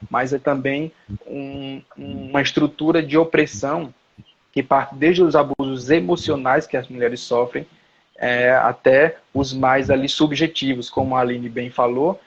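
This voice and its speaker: A man's voice: medium pitch, breathy edge, lo-fi sound. A man, lecturing as a professor in a live online class and searching for words aloud as he explains.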